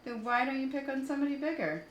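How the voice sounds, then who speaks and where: A sweet little ladybug from a storybook, played by a woman. It speaks politely and gently at a raised pitch. The room echoes around the voice. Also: expressive, fast talker, slight background noise.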